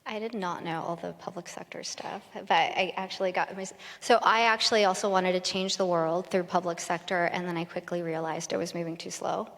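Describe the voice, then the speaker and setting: A woman's voice: fairly low pitch, fairly even intonation, brisk, few pauses, fairly bright tone. Upbeat woman investor in a big hall. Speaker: panelist, investor. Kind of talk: conversational panel talk. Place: conference stage in a large hall. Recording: long hall reverb.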